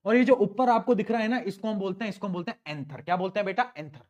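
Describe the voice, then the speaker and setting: A male teacher giving a lively exam-prep lesson, playfully asking his students questions and answering them himself. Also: high voice, quick pace. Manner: calls students "beta", mixes English terms into Hindi.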